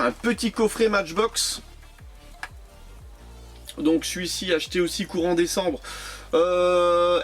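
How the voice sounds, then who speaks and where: A man chatting casually while unboxing and reviewing his die-cast toy cars, hesitant and full of repeated words. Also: high-pitched. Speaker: toy car collector vlogger.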